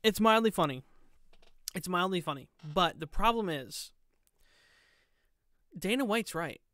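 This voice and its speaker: A man with a smooth, clean voice riffs sarcastically on clips during a casual reaction show. The sound is close and dry, with no room behind it. He gets loud when something strikes him as absurd. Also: sits high, animated, a little slow, no echo. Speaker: co-host reacting to videos.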